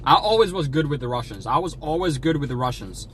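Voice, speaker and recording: A man's voice: fairly high pitch, animated, fast talker, a little hiss or hum, poor audio. A young man livestreaming, chatting casually while eating, in a jokey, folksy put-on American drawl. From Sweden. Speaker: streamer.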